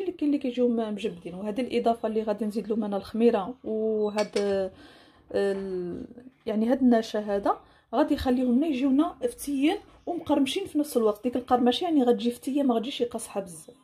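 Woman, Moroccan accent, fairly high pitch, breathy husky tone, casual home-cooking narration, explanatory. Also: warm tone. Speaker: home cook presenting a recipe.

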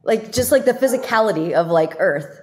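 A woman doctor appears as a podcast guest, speaking reflectively in a casual chat packed with fillers and "like." Her mid-range voice is expressive and brisk, with a darkish tone.

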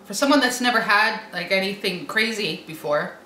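Her mouth and throat burning from spicy food, the middle-aged host of a food challenge video talks haltingly to camera in a casual reaction chat, puffing out breaths and clearing her throat. Her medium-pitched voice is expressive, pushed, and bright. The small indoor room has window blinds, and the sound is echoey with faint background noise.

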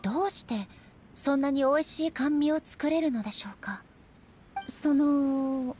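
A woman playing a regal, solemn female shogun and swordswoman in a game, speaking formally and with measured stateliness. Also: sits high, darkish tone, slight background noise, natural voice. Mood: earnest, thoughtful. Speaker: voice actor. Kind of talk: Japanese anime-style game character voice lines.

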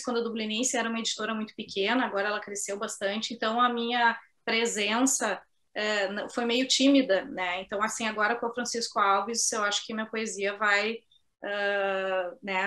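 A woman's voice: medium pitch, pushed and bright. A middle-aged woman from southern Brazil, a poet chatting at her online book launch and reading her poems, often tagging her sentences with little questions. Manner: chatty, sprinkles tag questions, reads poems slowly. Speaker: poet and author. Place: home office on a video call.

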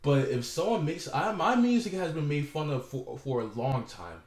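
Young guy yelling a rant at his camera, swears a lot, kinda high voice, echoey room. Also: animated, moderate pace. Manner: heated, profane, repeating himself. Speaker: vlogger.

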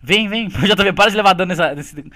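A man hosting a Minecraft video, chatting excitedly with friends and repeating words as he plays. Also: high voice, quick pace, crowd noise. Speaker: Minecraft gameplay video host. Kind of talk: excited gaming chat with friends.

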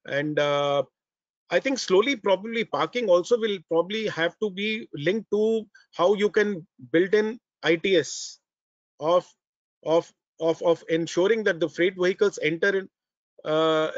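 An older man with an Indian accent, answering panel questions on a video call in a hesitant, measured way as a professor. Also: high voice, dry recording. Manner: hesitant, measured, repeats words. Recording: dull, dry video-call audio.

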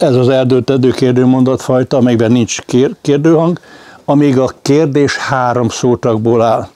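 A man's voice: mid-range voice, warm tone, no echo. Dry-voiced male speech lecturer. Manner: demonstrates question intonation with sample sentences.

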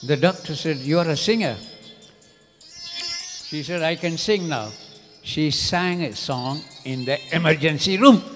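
Joking older pastor in a reverberant hall. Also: male voice, on the high side, lively intonation, measured pace, long pauses. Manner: joking, chatty. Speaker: senior pastor introducing the preacher. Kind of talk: church announcement. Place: large church stage. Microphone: handheld mic. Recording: reverberant church hall with soft music.

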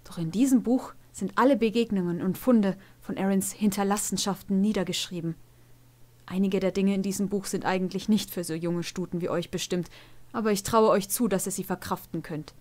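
A kindly old stallion who tutors a young princess, voiced by a woman reading a storybook. He speaks gently and in a fatherly way, close to the reader's own voice. His tone is soothing and protective. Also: medium pitch, fairly even intonation, brisk, lightly acted. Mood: gentle.

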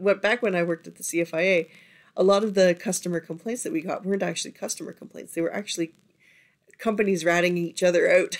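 A middle-aged woman from Canada teaching a recorded lesson, talking in an encouraging, conversational way while losing her voice. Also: fairly low pitch. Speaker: instructor. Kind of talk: lecture over screen recording.

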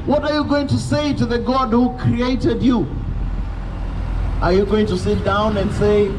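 A man's voice: very high voice, steady tone, unhurried. A young man preaching insistently on a street pavement through a handheld mic and speaker, heard from a distance with traffic around. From Kenya. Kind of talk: open-air street preaching. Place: roadside pavement outdoors by traffic. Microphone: handheld mic into portable speaker, filmed from afar. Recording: distant outdoor street recording with traffic noise.

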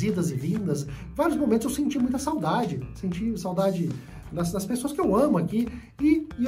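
Teaching English online, a Brazilian woman, a native Portuguese speaker, talks in a dark-toned, mid-range voice. Her explanations run long, full of repetitions and fresh restarts.

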